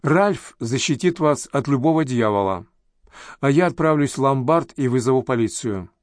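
A kindly middle-aged doctor reassuring a stranger in a soothing, unhurried voice, as a male reader voices him. His voice sits in a middle pitch and sounds dry and close in an audiobook reading. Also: animated, dry recording, lightly acted.

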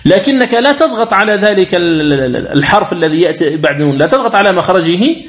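Male tajwid teacher, fairly high voice, deliberate and patient, echoey room. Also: animated. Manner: slow, deliberate explanation with drawn-out recited examples. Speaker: Quran recitation teacher. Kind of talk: tajwid lesson commentary.

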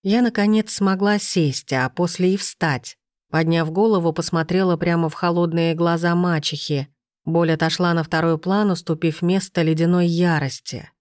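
Woman narrating a novel, low and dry. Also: fairly even intonation, normal speed, a little mellow, no room sound. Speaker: audiobook narrator. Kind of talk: first-person novel narration.

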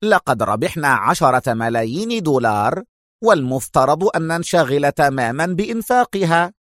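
A man voicing a stern young male team leader in an audiobook, speaking in a firm, measured way. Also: fairly high pitch, big pitch swings, a bit bright, dry recording, studio quality.

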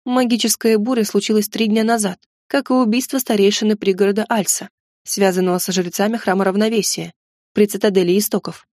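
A woman's voice: mid-range voice, a little mellow, dry recording. Woman narrating a dry, close fantasy audiobook.

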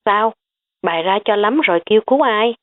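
A woman voicing an easygoing middle-aged uncle who teases in a relaxed, joking way. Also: medium pitch, a little fast, pitched above the performer's own voice, close to an everyday voice. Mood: teasing. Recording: tinny phone-like audio.

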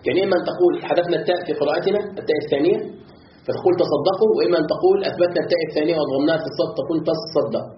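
A man's voice: fairly high pitch, very fast, slight background noise. A man teaching a classroom lesson on Quran commentary, explaining phrase by phrase and putting questions to his students. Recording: roomy, dull lo-fi recording.

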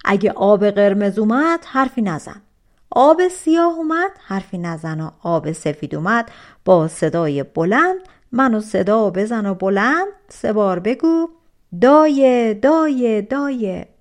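A hulking fairy-tale demon, voiced by a woman reading the story aloud barks questions and commands. The voice is loud and demanding and sits a little high. It has a storybook-telling feel. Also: few pauses, lightly acted. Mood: commanding.

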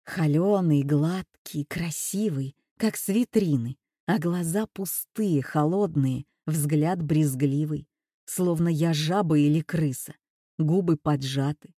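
A man's voice: on the high side, slow pace, warm tone, no echo, clean studio sound. Woman reading as a bitter older male professor. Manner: bitter, indignant.

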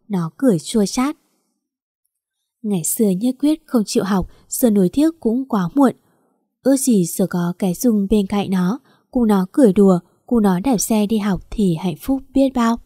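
A woman giving a steady, emotive scripted narration of a family story. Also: medium pitch, slightly rough, dry recording, studio quality.

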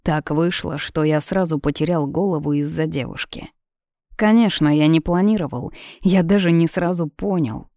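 A woman's voice: low-pitched, normal speed, mellow, no room sound, studio quality. Woman reading as a wry, controlled young man. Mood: confessing. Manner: speaks through clenched teeth.

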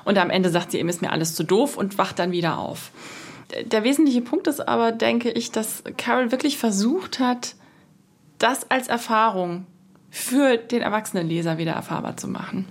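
A woman's voice: fairly high pitch, lively intonation, normal speed. Thoughtful woman discussing literature. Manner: thoughtful, reasoning aloud. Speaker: literature expert. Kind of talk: radio feature interview.

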